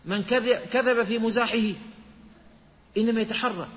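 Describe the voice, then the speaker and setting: A man giving a religious lesson, quoting texts and explaining them in a measured teaching manner. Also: high-pitched, fairly even intonation, fairly bright tone, big-room sound. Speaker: Islamic scholar.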